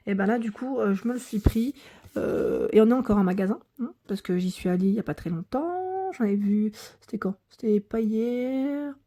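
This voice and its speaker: A woman's voice: a little high, warm tone. A young woman with a daughter chatting casually through a shopping haul, hesitant and full of fillers. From France.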